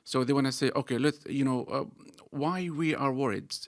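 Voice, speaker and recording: A man's voice: mid-range voice, normal speed, no echo, clean studio sound. A man from Gaza, arguing earnestly in a debate with many fillers and restarts. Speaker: panel speaker. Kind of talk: debate argument.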